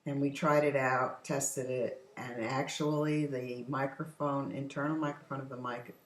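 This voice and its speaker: A woman's voice: rumbling low, steady tone, moderate pace, reverberant, low-quality recording. An older woman hosting a casual home chat, telling stories in a talkative way. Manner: chatty storytelling, often laughing. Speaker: host. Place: home patio. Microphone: computer's built-in microphone.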